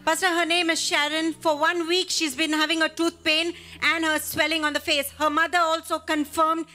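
Really high-voiced woman, bright, steadily passing on testimonies. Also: normal speed. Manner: plain, steady reporting. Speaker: church helper presenting testimonies.

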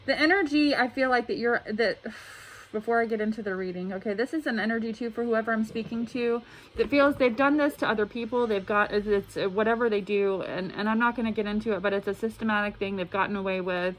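A woman speaking through a face mask, slightly muffled, giving a casual, halting and earnest tarot reading to camera. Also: fairly high pitch. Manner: halting, earnest, repeats words. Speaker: tarot reader. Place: indoor room at a table. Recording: clearly noisy room recording.

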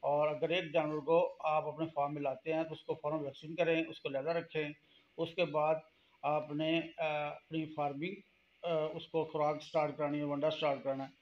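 A middle-aged man, giving earnest farming warnings to camera in a casual vlog, often hesitating with drawn-out pauses. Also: fairly high pitch, level tone. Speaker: farming channel host. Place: small indoor room. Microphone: phone held close to face. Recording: dull lo-fi phone audio.

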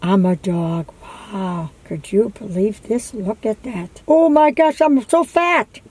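A woman's voice: medium pitch, slow pace, darkish tone, breathy edge. An elderly woman, a grandmother, chatting casually in a blunt, plainspoken way inside a car. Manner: plainspoken, blunt, short replies. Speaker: grandmother in her grandson's vlog. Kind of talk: casual chat. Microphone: camera in front at arm's length.

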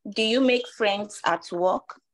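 A young Nigerian-accented woman speaks at a medium pitch as a test candidate. She takes her time as she puts questions and gives answers in a conversation exercise. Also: takes it slowly. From Ondo State, Nigeria.

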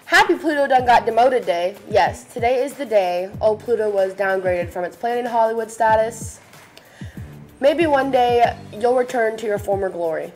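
A woman's voice: a little high, moderate pace, darkish tone, faint music behind. A teenage young woman co-hosting student news, reading school announcements in a chatty, playful manner. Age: teens. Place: small school video studio, seated at desk.

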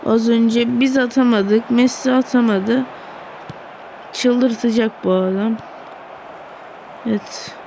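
A woman commenting on her own football video game match, excitable and often groaning or shouting at the play. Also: on the high side, slow, gravelly, pauses often, a little hiss or hum. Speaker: gaming streamer. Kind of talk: live gameplay commentary.

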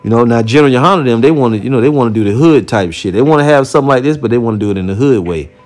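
A man giving an informal preaching commentary, blunt and heated with casual profanity, who reads scripture aloud slowly and deliberately. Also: medium pitch, lively intonation, a little mellow, soft background music. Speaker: religious teacher reacting to a video.

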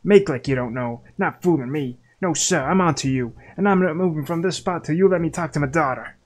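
A man voicing a gruff, hostile middle-aged animal mother in a video game, over soft game music. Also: fairly high pitch, fairly quick, close to an everyday voice. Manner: suspicious and hostile.

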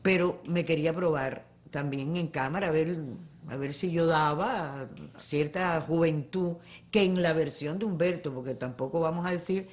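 A woman, an actress, explaining in a measured way in a documentary interview how she was cast. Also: sits low. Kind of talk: interview recollection.

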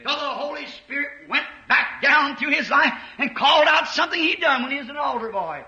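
A man preaching a fervent sermon, telling a personal story with rising emotion and bursts of shouting. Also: very high voice, animated, moderate pace. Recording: muffled, roomy old sermon recording.

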